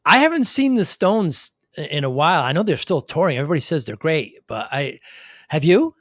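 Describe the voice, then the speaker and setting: A male podcast host in easy conversation, eager and chatty, laughing often. His voice sits fairly high and swings widely in pitch. The sound is dry and close. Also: sing-song, a little fast, a bit bright, no room sound. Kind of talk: casual chat.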